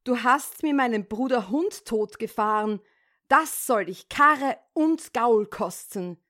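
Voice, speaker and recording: A woman's voice: fairly high pitch, slow. A woman voicing a vengeful taunting sparrow. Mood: angry. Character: vengeful defiant little sparrow.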